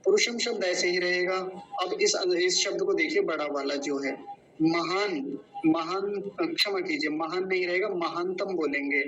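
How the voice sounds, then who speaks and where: A man with a fairly high voice gives a patient pronunciation lesson, stretching each word out syllable by syllable. He speaks at an unhurried, measured pace, often asking a question and then answering it himself. The recording sounds dull and lo-fi. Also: fairly even intonation, a bit bright. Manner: corrects common mispronunciations, asks and answers his own questions. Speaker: Sanskrit mantra teacher. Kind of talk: pronunciation lesson, slow and deliberate.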